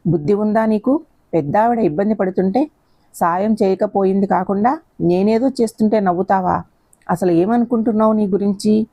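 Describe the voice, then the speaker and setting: A woman's voice: medium pitch, moderate pace, warm tone, dry recording, natural voice. A woman reading the lines of a young man who scolds and then pleads, in a storybook reading. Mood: scolding. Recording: dull lo-fi recording.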